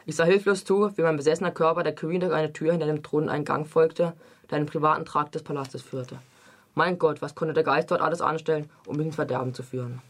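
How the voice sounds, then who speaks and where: Brisk young man reading aloud. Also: on the high side, fairly even intonation. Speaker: book reviewer and reader. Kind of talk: reading a novel excerpt aloud, then casual review chat.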